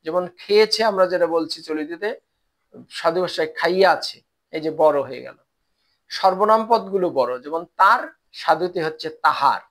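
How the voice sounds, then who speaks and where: A man teaching a Bengali language class to polytechnic students, explaining step by step and pausing often with "ah" fillers. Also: on the high side, a bit bright. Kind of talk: recorded online lecture.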